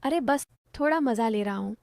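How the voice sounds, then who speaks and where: A woman's voice: fairly high pitch, lively intonation, normal speed, vocal fry, a little mellow, dry recording, studio quality. A woman voicing a teasing young village guy.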